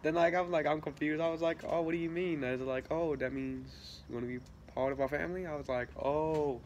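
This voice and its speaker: Speaking a little fast in a slightly high, steady voice, a teenage vlogger who's a bit ill rambles through a casual story with many fillers, restarts and soft laughs. The highs are cut off, and there's a little hiss or hum.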